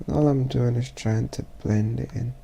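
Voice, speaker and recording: A man with a stuffy, congested voice narrating a casual photo-editing tutorial as he works, halting and thinking aloud. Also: mid-range voice, steady tone, vocal fry, dark tone, breathy edge. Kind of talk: casual software tutorial voice-over.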